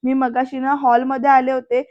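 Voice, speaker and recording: A suspicious young woman wonders aloud and asks questions, voiced by a woman narrator. Her voice is high and fairly flat. The sound is dry and dull. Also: normal speed, lightly acted. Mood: curious.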